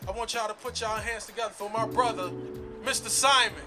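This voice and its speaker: A man's voice: high-pitched, fairly even intonation, brisk, loud music behind the voice. A man in his thirties hosting a poetry event with hyped, joking crowd-pumping, at a stand mic on a city rooftop. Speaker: host.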